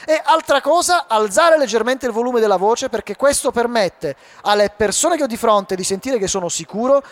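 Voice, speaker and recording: A man giving a live talk on public speaking to an audience, animated and asking them rhetorical questions. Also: very high-pitched, normal speed, no room sound. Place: hall before a live audience.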